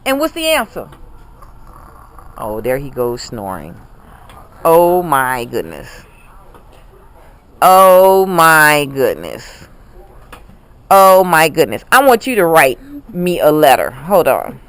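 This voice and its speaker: Coaching a child to read, this middle-aged or older grandmother speaks slowly and casually, leaving long pauses between her encouragement, exclamations and repeated prompts. Her low voice swoops wildly in pitch and has a slightly bright edge.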